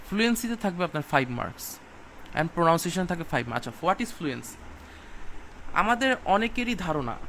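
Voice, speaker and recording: A man teaches a recorded exam-prep class, repeating key points and dropping English terms into his explanations. His voice sits somewhat high. A faint hum of passing vehicles runs under the recording. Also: a bit bright.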